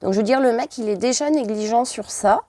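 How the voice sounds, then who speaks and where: A woman's voice: on the high side, a little fast, warm tone, no room sound, studio quality. A French woman vlogger chatting casually and hesitantly, full of fillers, while showing her purchases. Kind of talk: casual chat.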